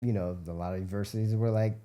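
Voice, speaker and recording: This interview guest is an American man from the Midwest who works as a biomedical researcher and entrepreneur. Racing along in a lowish, dark voice with fairly even intonation, he gives loose, rambling, informal answers.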